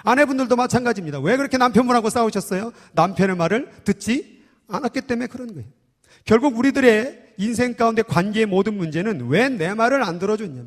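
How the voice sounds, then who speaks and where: A man's voice: high voice, animated, quick pace. A man in his thirties preaching a sermon as pastor, talking conversationally and teasing the congregation with questions. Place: church sanctuary. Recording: long church hall reverb.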